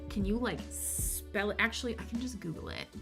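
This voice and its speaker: During a co-working livestream with lofi music in the background, a tired American woman with a Michigan accent chats with her viewers. Her medium-pitched voice is expressive, a little fast and creaky. As host, she rambles casually, answers questions from chat and pokes fun at herself.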